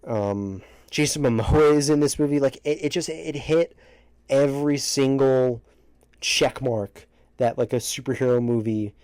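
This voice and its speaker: A man's voice: mid-range voice, a little mellow, clean tone, dry recording. A man doing casual, opinionated video commentary as a movie reviewer, talking emphatically and often interrupting himself, close to the microphone. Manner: halting, self-interrupting, emphatic. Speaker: movie reviewer ranking films. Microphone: close microphone, breaths hitting it.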